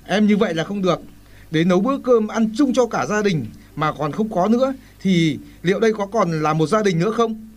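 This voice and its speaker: A man's voice: high voice, animated, a little fast. A man playing an earnest middle-aged husband who lectures his wife about family meals.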